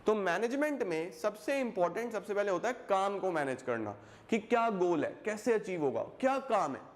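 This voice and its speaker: A man's voice: sits high, sing-song, normal speed. A young man teaching a commerce lesson to school students, mixing Hindi with English terms and repeating phrases as he asks the class questions.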